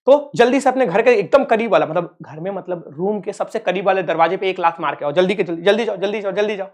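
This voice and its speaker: A man from Uttar Pradesh, India, speaks fast in a high-pitched voice while teaching an online physics exam-prep lesson. He's playful and teasing, calling his students kids.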